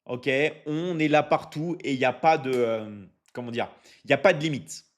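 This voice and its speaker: Hosting a live stream as an online academy coach, a man from France delivers a sales pitch and reads viewer comments. His pitch is medium and his pace moderate, and he stays energetic and repetitive, dropping many fillers and asking "ok? d'accord?" often.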